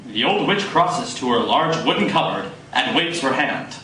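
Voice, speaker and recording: Performing live in a coffee house, a man narrates a radio play in a grandiose, dramatic 1940s announcer style. His mid-range voice is bright and forceful, swinging widely in pitch at a moderate pace. The recording is echoey and distant, with music and a little hiss or hum.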